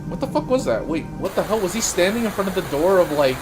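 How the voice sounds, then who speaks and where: A male streamer chats casually while reacting to videos, with a crude, laid-back sense of humor. His voice moves a lot in pitch. Music plays behind him. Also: sing-song, fast. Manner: laid-back, crude, jokey, laughs often.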